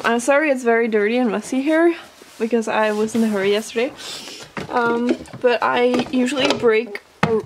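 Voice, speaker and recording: Young woman, English speaker, vlogging casually on a handheld camera in a horse barn. Talks with a slightly high voice and plenty of fillers. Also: very noisy. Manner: chatty, with many fillers. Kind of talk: casual vlog chat.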